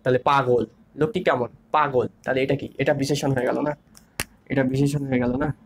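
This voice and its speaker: A man's voice: mid-range voice, little pitch movement, a little fast. Man teaching grammar, repeating himself. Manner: repeats terms, asks and answers his own questions. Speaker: grammar instructor. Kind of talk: online grammar lesson.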